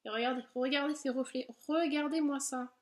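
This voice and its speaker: A woman's voice: high voice, fairly even intonation, brisk, darkish tone, roomy sound. A woman vlogger chatting enthusiastically and gushingly as she shows off a haul of products. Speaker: beauty vlogger. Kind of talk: casual product haul chat.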